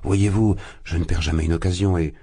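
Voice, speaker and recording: A man's voice: sits low, fairly even intonation, brisk, creaky, mellow, breathy edge, dry recording, clean studio sound, exaggerated voice. A man voicing a sly, affable magistrate who talks with chatty, feigned good humor. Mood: jovial. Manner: jovial, chatty, feigned bonhomie. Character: affable sly middle-aged male magistrate.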